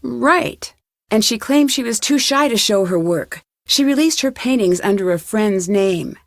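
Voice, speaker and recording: An actress voices a polite, inquisitive young woman detective for a video game, asking things in an earnest, questioning way. Her medium-pitched voice is expressive and a little slow, recorded dry with clean studio sound.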